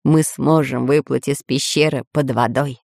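A woman doing a calm old professor. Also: gravelly, dry recording, studio quality, heavily acted. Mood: reassuring. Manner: slow, lowered, reassuring explaining. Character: elderly male professor, calm and learned. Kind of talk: children's audiobook voice acting.

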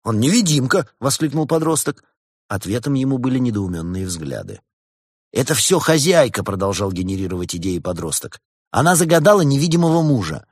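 A man's voice: mid-range voice, sing-song, a little fast, no echo, clean studio sound, voice pushed up. A man voicing a smug, mocking teenage boy who stirs up trouble in an audiobook story. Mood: cheeky.

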